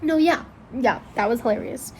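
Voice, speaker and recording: High-voiced, dramatic woman book vlogger. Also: expressive, normal speed, a little mellow, slight background noise. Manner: dramatic, gasping, swearing reactions. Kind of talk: reading vlog reactions. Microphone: wireless earbuds.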